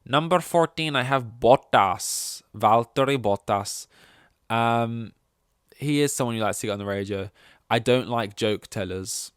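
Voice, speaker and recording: Recorded dry and at studio quality, this man's mid-range voice is clean-toned and a little slow. As a podcast host, he ranks sports in a rambling, sweary, sarcastic way, full of opinions and acted-out mock quotes.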